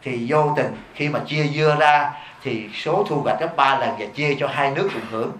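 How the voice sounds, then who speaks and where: A man's voice: medium pitch, normal speed, fairly bright tone, slight background noise. A man, a Buddhist monk giving a sermon to a live audience, blunt and emphatic, often asking the audience questions. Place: hall before a live audience. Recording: echoey hall.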